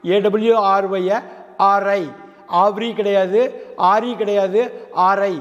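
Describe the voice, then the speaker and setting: A man's voice: high voice, little pitch movement, a little slow, fairly bright tone, highs cut off. A man teaching English pronunciation, spelling words out letter by letter and asking the listener rhetorical questions. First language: Tamil. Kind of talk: explaining pronunciation. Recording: long hall reverb.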